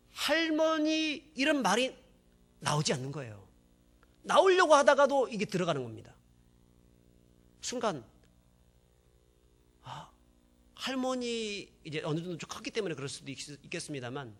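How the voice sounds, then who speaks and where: Brief: male pastor, high bright voice, dramatic testimony, hushed to loud. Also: sing-song, moderate pace, pauses often. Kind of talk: sermon testimony.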